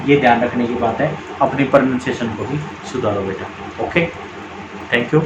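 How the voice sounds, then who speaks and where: A man with an Indian accent teaching English pronunciation in Hindi, explaining step by step and repeating words slowly. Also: mid-range voice. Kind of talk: classroom-style video lesson. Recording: echoey room with faint background noise.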